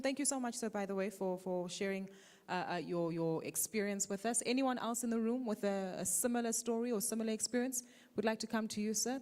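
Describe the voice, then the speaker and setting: A woman moderates a conference panel, polite and inviting, her words coming quickly. Her voice carries a long reverb from the hall. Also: medium pitch, darkish tone.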